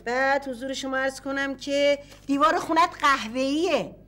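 A bossy fortune teller. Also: female voice, sits high, fairly even intonation, fairly bright tone. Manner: domineering, fast-talking. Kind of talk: sitcom acting.

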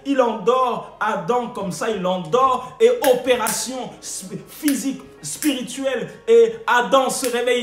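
A high-voiced man preaches a sermon, repeating his refrains emphatically and stumbling over hesitations. The sound is echoey, with faint music behind him. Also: a bit bright.

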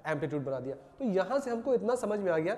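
A man's voice: high-pitched, very animated, fast talker, dark tone. A male physics teacher giving a classroom lecture, asking rhetorical questions and repeating the answers. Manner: asks rhetorical questions and repeats answers, calls students "beta". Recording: long hall reverb.

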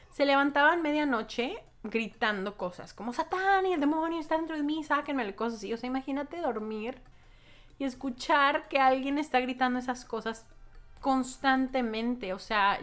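A woman's voice: on the high side, fairly bright tone. A young adult woman with a Mexican accent, telling a storytime to her vlog audience in a casual, gossipy way, full of slang and the odd swear. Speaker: vlogger.

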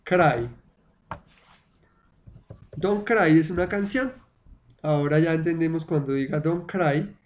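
A man's voice: on the high side, takes it slowly, pauses often. A man whose first language is Spanish, teaching an online English lesson and patiently repeating words for his students to drill.

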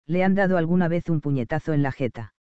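A man voicing a gruff, hostile male garage mechanic, in a rough, curt and threatening voice, as an audiobook character. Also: a little high, quick pace, no echo, dull audio, lightly acted. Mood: surly.

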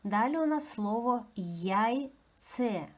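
A woman teaches small children to sound out words, talking slowly and patiently and singing out each vowel. Her voice is mid-pitched and unhurried. The recording is a little dull and lo-fi. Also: expressive, a little mellow. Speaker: preschool teacher. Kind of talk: slow, deliberate phonics lesson for small children.

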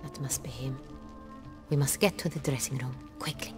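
A regal, commanding noblewoman from a fantasy game, formal and urgent in her speech. Her voice is low for a woman. Game music plays behind her. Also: moderate pace.

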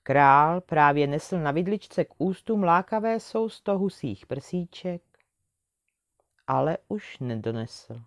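Low-voiced woman reading a fairy tale. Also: dry recording, clean studio sound. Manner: expressive storybook reading. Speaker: storyteller.

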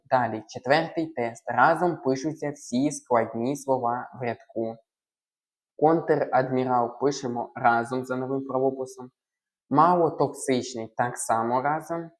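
Male tutor, mid-range pitch, methodical explainer who spells out letters and pauses with small hesitations. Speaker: language tutor. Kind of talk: explaining test answers.

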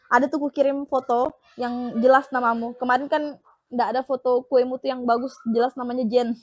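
A young woman hosting an online shop live stream, pitching a product in upbeat, repetitive patter full of pet names for her viewers. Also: level tone, fairly quick, no echo, lo-fi sound.

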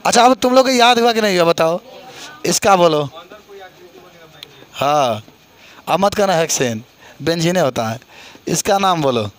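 A man's voice: high voice, lively intonation, measured pace, long pauses. A middle-aged man with an eastern Uttar Pradesh Hindi accent teaching chemistry to a classroom, quizzing students and repeating their answers with encouragement.

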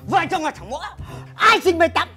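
An actress playing an excitable village woman who keeps exclaiming and fussing, with music under the dialogue. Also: very high voice, brisk, full character voice. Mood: exasperated. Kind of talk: comedy film acting.

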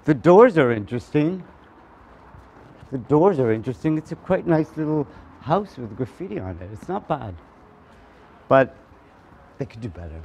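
Walking through the city for a casual interview, a man whose first language is Spanish talks in a very animated, husky, darkish mid-range voice at normal speed, pausing often. He's playful and chatty with frequent laughter, captured outdoors by a camera mic.

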